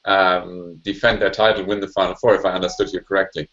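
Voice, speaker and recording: A man's voice: low voice, level tone, fast talker, a bit bright. A male host steering a panel show, upbeat as he moves the talk along. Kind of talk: hosting a live panel show. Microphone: video call. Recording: muffled online call audio.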